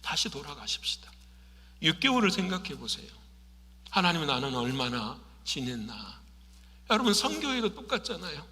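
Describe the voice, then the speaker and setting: High, lively preaching man in a hall. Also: normal speed. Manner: animated preaching, rhetorical questions with answers, swings from loud to hushed. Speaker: pastor. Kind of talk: sermon. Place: church sanctuary. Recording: long hall reverb.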